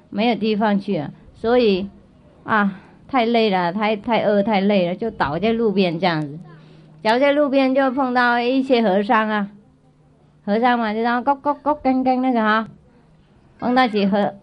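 A woman spiritual teacher telling a story to children in a chatty way, often repeating herself and asking if they follow. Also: mid-range voice. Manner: chatty, checks in with listeners often; repeats and restarts phrases. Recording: dull lo-fi recording.

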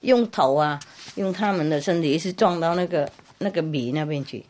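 Low-voiced woman telling a story. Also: normal speed, darkish tone. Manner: chatty, laughing, repetitive. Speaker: Buddhist master. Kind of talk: humorous storytelling sermon.

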